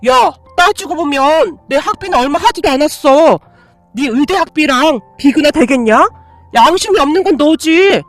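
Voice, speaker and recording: A bitter grown son who whines and snaps at his stepmother, as a woman reading a story puts him on. He speaks in a high, sharp voice and pushes every demand. The sound is dry and close, with faint music underneath. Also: sing-song, moderate pace, dry recording. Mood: angry. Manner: whiny, confrontational. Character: resentful adult son demanding property.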